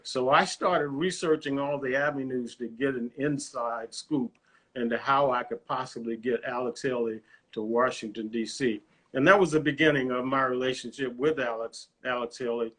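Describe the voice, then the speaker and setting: An older man from the US, a retired officer, recalling his career in a measured, proud way during a family chat. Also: medium pitch, steady tone, fairly bright tone. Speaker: guest, retired Coast Guard officer.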